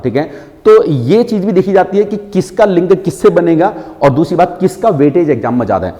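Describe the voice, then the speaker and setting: A man teaching an online exam-prep class, answering students' doubts in an explanatory way and often checking that the point is clear. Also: fairly high pitch, mellow, long reverb tail. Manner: explanatory, repeats "ठीक है" often.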